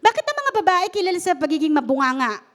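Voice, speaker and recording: A woman's voice: high voice, sing-song, quick pace, very noisy. A woman preacher giving a humorous, conversational sermon at a church service and often asking the congregation questions.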